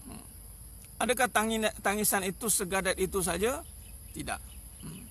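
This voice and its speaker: A man's voice: high voice, moderate pace, fairly bright tone, breathy edge. A man with a Malaysian Malay accent preaching a sermon outdoors, emphatic and repetitive, with many rhetorical questions. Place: outdoors in the sun.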